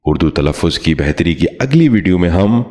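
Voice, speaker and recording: A man giving a scripted pronunciation lesson, speaking slowly and formally and repeating each word with care. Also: sits low, lively intonation, a little mellow. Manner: formal courteous address. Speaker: Urdu pronunciation teacher.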